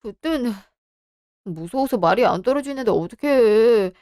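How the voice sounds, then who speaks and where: A woman's voice: fairly high pitch, animated, measured pace, dark tone, no echo, studio quality. A woman voicing an apologetic, evasive young husband who stammers in a radio drama. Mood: defensive. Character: sheepish young married man, defensive husband.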